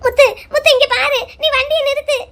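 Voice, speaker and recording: A woman's voice: very high voice, steady tone, a little fast, a bit bright. A woman voicing a caring, emotional young woman in a cartoon who pleads and repeats his name. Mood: insistent. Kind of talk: cartoon voice acting.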